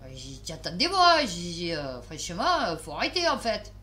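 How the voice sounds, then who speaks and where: Bright, chatty French-speaking woman vlogger. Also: lowish voice, huge pitch swings, moderate pace. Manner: chatty, swears, many fillers and restarts. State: tired. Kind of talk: casual storytelling to camera.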